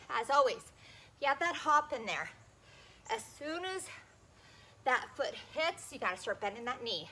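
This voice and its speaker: A woman's voice: on the high side, bright, forceful tone. A woman leading a workout as a fitness instructor, energetically calling out cues and counts.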